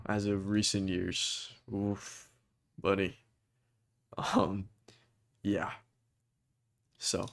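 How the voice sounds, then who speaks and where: A young man talking earnestly to his viewers in a halting, hesitant way, full of restarts and pauses as he searches for words. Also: low-pitched. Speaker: vlogger. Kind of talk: personal talk to camera.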